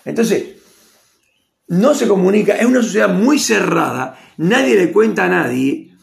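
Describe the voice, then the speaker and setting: A man's voice: high-pitched, animated, measured pace, creaky. A man with a Rioplatense accent giving a rambling, opinionated casual monologue and acting out quotes. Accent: Rioplatense Spanish. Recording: echoey room.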